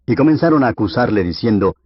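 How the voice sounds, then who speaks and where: A man reading scripture aloud for an audiobook in a steady, measured way. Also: medium pitch, husky, no room sound. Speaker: Bible reader. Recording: dull, lo-fi dry recording.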